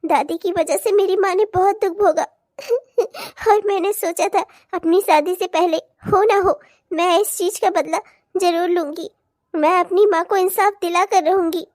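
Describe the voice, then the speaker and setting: A woman's voice: very high-pitched, steady tone, moderate pace, a little mellow, dry recording, clean studio sound. A woman voicing a troubled young bride in a cartoon, speaking with anguish. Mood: grieving. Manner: emotional, anguished. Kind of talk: cartoon voice acting.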